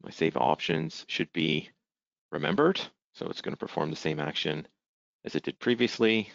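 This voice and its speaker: A man presenting software, narrating his screen-share demo step by step over a video call. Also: very deep voice, lively intonation, moderate pace, vocal fry, dry recording, dull audio. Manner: step-by-step, methodical.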